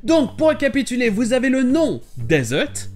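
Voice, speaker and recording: A man hosting a scripted pronunciation lesson, explaining clearly and modelling words slowly. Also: sits high, very animated. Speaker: English teacher and channel host. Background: soft background music.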